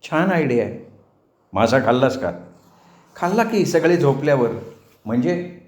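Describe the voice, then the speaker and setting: A man's voice: medium pitch, expressive, a little slow, darkish tone, close to an everyday voice. A man voicing a young village woman who teases and pleads with her sweetheart, for an audiobook with roomy echo. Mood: teasing, pleading.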